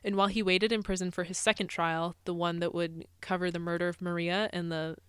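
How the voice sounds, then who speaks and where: A woman's voice: fairly low pitch, flat delivery, fairly quick, fairly bright tone, smooth, dry recording. Young woman podcast co-host, chatty and laughing, clean and close. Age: college-age young adult. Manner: chatty, laughs often, says "like" a lot. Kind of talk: casual true crime podcast chat.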